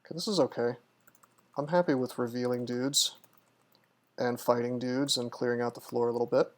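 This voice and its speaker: A man's voice: mid-range voice, steady tone, moderate pace. A man streaming a game, talking casually and musing aloud, with frequent ums and restarts. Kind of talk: live-stream gameplay commentary.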